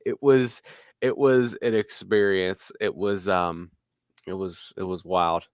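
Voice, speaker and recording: A man co-hosting a sports podcast, telling a story in animated casual chat with plenty of swearing. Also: deep voice, slow pace, clear, resonant tone, no room sound, clean studio sound. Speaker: podcast co-host.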